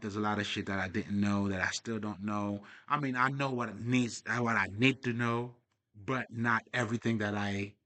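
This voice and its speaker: A young man with a medium-pitched, sharp-toned voice rambles casually as a spiritual vlogger. His monologue is profane, streetwise and full of digressions.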